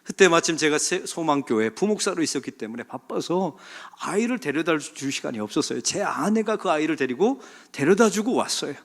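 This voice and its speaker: A middle-aged male pastor delivers a sermon in a church. His fairly high voice rises into loud appeals and then drops low and soft as he tells a story. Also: animated, fairly quick, hardly any pauses. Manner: preaching with sharp swings from loud exhortation to soft storytelling. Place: church sanctuary.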